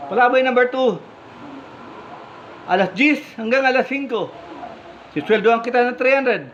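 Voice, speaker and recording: A man voicing a stern, fair-minded male vineyard owner who questions his workers firmly and deliberately. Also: extremely high pitch, expressive, a bit bright. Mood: questioning. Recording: slightly muffled, faint background hum.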